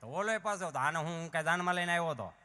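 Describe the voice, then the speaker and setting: A man's voice: a little high, expressive, fast, sharp tone. A man performing live folk stand-up, acting out village characters with shifting voices. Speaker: folk comedian on stage. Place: outdoor or hall folk stage. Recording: live stage with long hall reverb.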